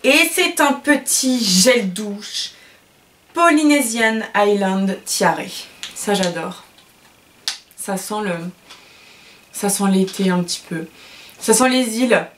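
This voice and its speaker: A woman's voice: mid-range voice, lively intonation, slow, long pauses, fairly bright tone, a little hiss or hum. A woman beauty vlogger chatting casually while unboxing products, gushing and chatty with many fillers and self-corrections.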